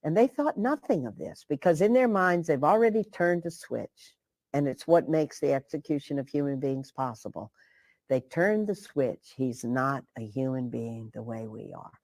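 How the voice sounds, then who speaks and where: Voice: medium pitch, expressive, darkish tone, no room sound. Earnest speaker in a dry close recording. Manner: earnest, with halting restarts. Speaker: interviewee. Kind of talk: reflective commentary.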